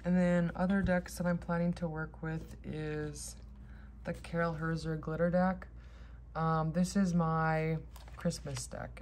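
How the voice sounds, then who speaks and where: Low-voiced woman rambling sleepily. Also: slight background noise. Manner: sleepy, unhurried rambling with trailing-off thoughts. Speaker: host of a tarot deck haul vlog. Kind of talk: casual rambling chat.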